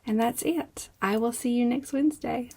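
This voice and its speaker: A middle-aged woman hosting a quilt-along in a casual, conversational way, talking to camera in a room at home with a creaky voice. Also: a little high, normal speed, darkish tone. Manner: conversational, informal. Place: small home sewing room, indoors.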